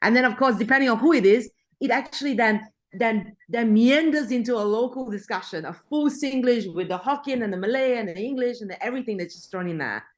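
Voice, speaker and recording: A middle-aged Australian woman, a journalist, chats casually in an interview, her voice pitched on the high side and moving a little fast with hardly any pauses. She's chatty, often restarting her sentences and laughing as she goes.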